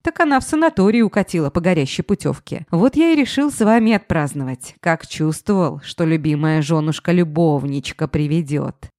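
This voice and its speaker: A woman voicing a pushy, drunken ex-husband who talks cocky and loud. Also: sits low, expressive, fairly quick, hardly any pauses, no echo, clean studio sound. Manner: boisterous, cocky.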